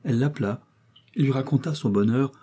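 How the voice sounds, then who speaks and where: A man narrating a nineteenth-century novel as an audiobook reader, in a measured literary way with dramatic swells. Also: medium pitch, dark tone, husky.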